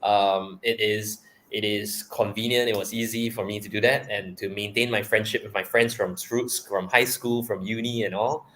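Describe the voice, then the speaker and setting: A man answering interview questions in a halting way, often repeating words as he gathers his thoughts. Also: lowish voice, steady tone, a bit bright, a little hiss or hum. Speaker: interview guest.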